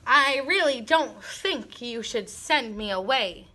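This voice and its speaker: A woman's voice: on the high side, expressive, slow, sharp tone, full character voice. A big, scruffy boy monster from a children's storybook, acted out by a woman. The words come out slurpy and very drawn out. He is whiny and puts on a show of menace that is more silly than frightening.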